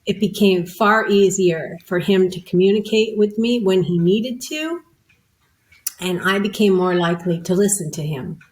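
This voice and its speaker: A woman telling a personal story as a podcast guest. She is animated and self-mocking, and she acts out the voices of the people she quotes. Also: medium pitch, normal speed, rough recording.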